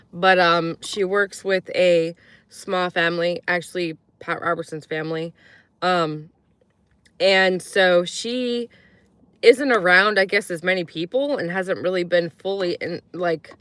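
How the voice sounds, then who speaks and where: A Croatian woman livestreams, casually telling stories to her chat in a fairly low, sharp-toned voice at a measured pace, recorded dry. She rambles with many fillers and acts out the quoted voices in her anecdotes.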